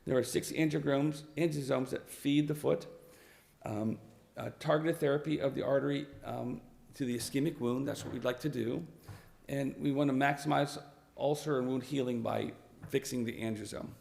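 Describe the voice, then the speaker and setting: A man with a raspy, hoarse voice giving a medical lecture on slides, pausing often with fillers and restarts. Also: medium pitch, fairly even intonation, darkish tone. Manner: halting, with many fillers and restarts. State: hoarse, clearing his throat. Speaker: vascular physician presenting at a conference.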